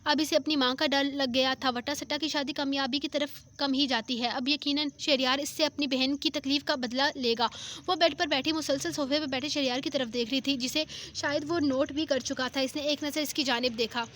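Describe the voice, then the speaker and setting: A woman narrating a romance novel in a steady reading voice, with small restarts. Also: high-pitched, brisk, few pauses. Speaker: novel reader.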